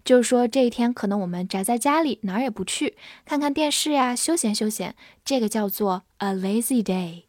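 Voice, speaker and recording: A woman teaching English words to Chinese speakers, spelling them out letter by letter and reading example sentences slowly. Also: on the high side, lively intonation, a little mellow, no room sound, studio quality. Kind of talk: vocabulary lesson.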